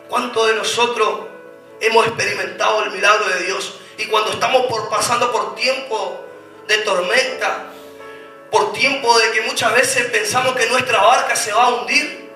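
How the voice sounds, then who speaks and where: A man preaching a sermon as pastor, asking the congregation questions and rising to shouts. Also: sits high. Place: church hall. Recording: very echoey church hall, mic at a distance, faint music.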